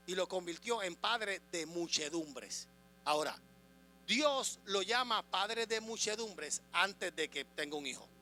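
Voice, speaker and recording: A man preaching a sermon as a pastor, swinging between loud proclamation and quiet asides, asking the congregation questions. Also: high-pitched, lively intonation, slow pace. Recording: music and mains hum behind.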